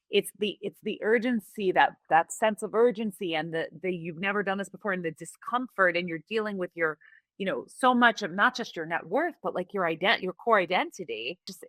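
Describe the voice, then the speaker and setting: A woman's voice: on the low side, sharp tone, no echo. A woman hosting a business podcast, interviewing a guest and readily affirming what she says. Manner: encouraging, quick to affirm. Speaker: podcast host. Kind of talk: conversational interview.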